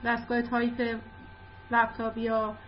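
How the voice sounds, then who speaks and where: A woman's voice: fairly high pitch, completely flat delivery, dull audio, a little hiss or hum. A woman teaching literature in a casual, conversational way, explaining with examples and light asides.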